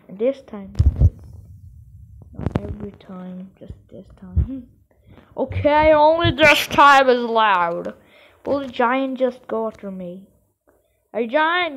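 A woman with a fairly high voice gives rambling, excitable let's-play commentary while playing a co-op game. She jumps from cheering to playful trash talk aimed at her teammate. Faint background noise sits under her voice. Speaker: gamer playing co-op.

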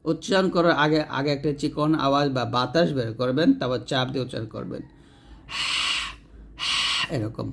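A man's voice: medium pitch, vocal fry. Patient man teaching letter sounds. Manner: slow, patient instruction, repeating each letter sound several times; asks questions and answers them himself. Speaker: Quran teacher. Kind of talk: step-by-step pronunciation lesson.

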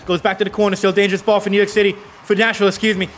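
A man casting esports play-by-play, calling the action in rapid, excitable bursts and sounding out of breath. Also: high-pitched, a little hiss or hum. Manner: rapid excitable calls, rising to yells on goals. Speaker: play-by-play caster.

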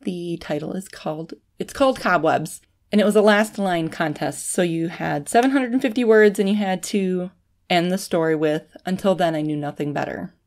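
A woman hosting a fiction podcast, reading a thriller story in a plain, steady way. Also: fairly low pitch, normal speed. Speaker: podcast host and author.

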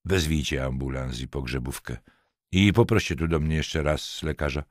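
Brief: stern sardonic cop, curt and mocking, low dry voice, a narrator puts him on. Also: male voice, moderate pace, no echo. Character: stern sardonic male police lieutenant.

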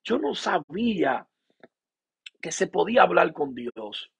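A man's voice: high-pitched, sing-song, slow, gravelly, a bit bright, husky. A male pastor giving an emotional sermon and personal testimony, often repeating words and restarting. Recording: dull lo-fi recording.

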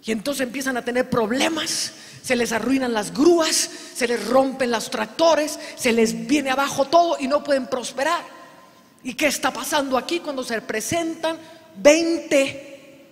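A woman's voice: sits high, measured pace. A woman preacher, delivering a fervent, dramatic sermon full of acted quotes. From Mexico. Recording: long reverb of a large hall.

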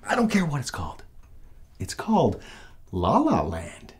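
A man's voice: medium pitch, wildly swooping pitch, measured pace, breathy edge, heavily acted. A middle-aged actor playing a resentful, hard-working father in a comedy series, grumbling with scornful outrage. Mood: scornful, exasperated. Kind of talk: scripted comedy series acting.

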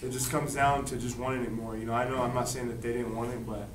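A young adult man, a football quarterback, answering postgame questions in a relaxed way with many fillers and restarts. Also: mid-range voice, fast. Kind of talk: postgame press conference answers. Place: press room in front of a sponsor backdrop. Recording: roomy, distant, noisy press room.

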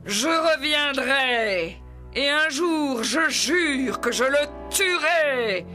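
A woman voicing a ferocious male tiger who makes slow, roaring threats in a storybook reading. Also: high voice, expressive, music in the background, pitched above the performer's own voice, full character voice. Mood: menacing.

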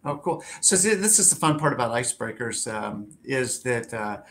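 Hosting an interview over a webcam video call from his home office, which has a wooden door, a man in his fifties sounds upbeat and conversational. His mid-range voice is sing-song and fairly bright, moving at a moderate pace with a few fillers.

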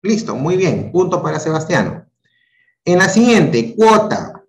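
Slow, lively male teacher on a video call. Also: fairly high pitch, roomy sound. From Peru. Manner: patient, questioning, repeats words to check answers. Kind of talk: online class explanation.

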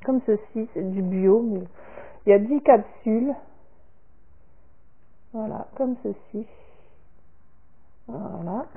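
Woman vlogger, casual unboxing talk to camera, halting, thin phone-line sound. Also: mid-range voice, husky. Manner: slow and halting, repeats "comme ceci" and "voilà", trails off softly. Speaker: vlogger showing a product order.

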